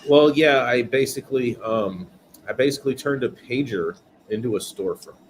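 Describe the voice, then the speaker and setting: A man's voice: mid-range voice, moderate pace. A man in his forties from California, a podcast guest telling his story earnestly with filler words, over a noisy remote line. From California, USA. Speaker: podcast guest, business owner. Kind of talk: casual interview chat.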